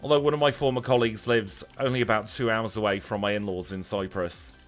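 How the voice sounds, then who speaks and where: Over faint background music, a fairly low-voiced man talks fast and with fairly even intonation while livestreaming gameplay. He comes from Lancashire in northern England, has the accent to match, and his casual chatter is wry and self-deprecating.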